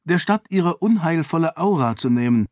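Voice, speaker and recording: This audiobook character voice has a man playing a determined young noblewoman who pleads her case with earnest persuasion. He lifts his voice above its natural register to a higher-than-usual pitch, keeping a darkish tone, expressive inflection and moderate pace, with only light acting. The studio sound is clean and dry.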